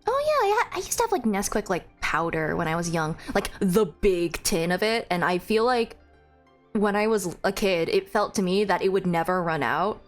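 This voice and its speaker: A woman's voice: lowish voice, lively intonation, moderate pace, faint music behind. A young woman doing casual, chatty live stream commentary, playfully reacting as she plays a game.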